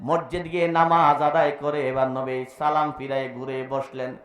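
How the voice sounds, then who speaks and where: A man preacher from Bangladesh telling a religious story in a sermon, swinging between hushed low narration and raised, shouted appeals. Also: little pitch movement, normal speed, a little hiss or hum. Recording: echoey amplified hall.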